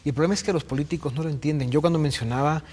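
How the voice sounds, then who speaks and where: A male host moves briskly through his questions in a somewhat high voice, agreeing readily with his guest. A long hall reverb trails his words. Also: darkish tone, breathy edge. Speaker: interview host. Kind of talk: political interview.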